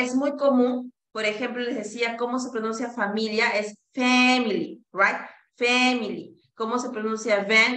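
A woman leads a pronunciation lesson, drawing out each vowel so her students can copy it. Her voice is bright and fairly high, and she speaks very slowly. The room around her has a noticeable echo. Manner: slow and deliberate, drawing out each vowel and code-switching to English. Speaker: pronunciation teacher. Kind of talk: classroom lesson, modeling sounds for students to repeat.

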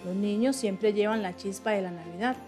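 A woman reporter reads a scripted news voice-over at a mid pitch, measured and clear. Music runs steadily under her voice.

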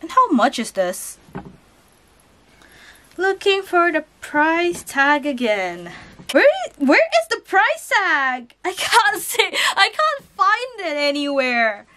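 This young woman, suffering from a cold, excitedly chats while unboxing a lucky bag and showing off clothes for her haul video, sitting at a table indoors. Her pitch is extremely high, and she laughs at what things cost in this casual voice-over.

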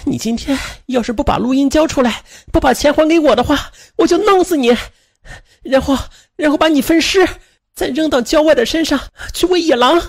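A man doing a shrill, furious young woman. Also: brisk, vocal fry. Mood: enraged. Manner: shrill screaming threats. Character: furious young woman threatening her captive.

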